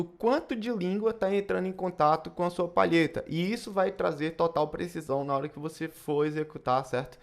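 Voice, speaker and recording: A young Brazilian man with a fairly high voice explains saxophone technique in a relaxed video lesson. He speaks with a Brazilian Portuguese accent and often tags his sentences with quick checks to the viewer. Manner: casual, tag questions after phrases. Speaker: saxophone teacher.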